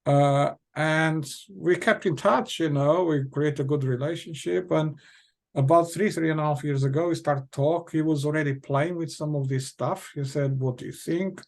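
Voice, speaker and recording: A man's voice: on the high side, normal speed, creaky. A middle-aged man with a Portuguese accent, a company founder talking casually as an interview guest, hesitant with many fillers and restarts.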